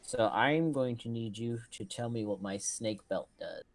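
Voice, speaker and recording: A man's voice: mid-range voice, unhurried. A man playing in a tabletop game, chatting in a jokey, playful way. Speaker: player. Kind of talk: casual chat during a tabletop game.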